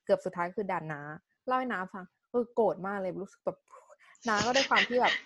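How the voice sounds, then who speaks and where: A young woman in casual chat, telling a personal story with animated delivery and English words mixed in. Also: mid-range voice, fast.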